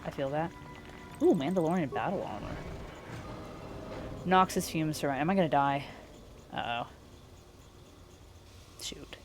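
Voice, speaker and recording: A woman's voice: low-pitched, lively intonation, a little slow, pauses often. A young adult woman casually commenting on a game she plays live, chatty and playful, reading viewer messages aloud. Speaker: streamer. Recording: voice over loud game music.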